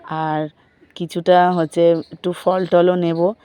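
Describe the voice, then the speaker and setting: Young woman vlogging with a sore throat, flat low voice, just chatting about her day. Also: slow pace, clear, resonant tone. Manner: chatty, recounting chores and family talk. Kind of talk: casual daily vlog narration.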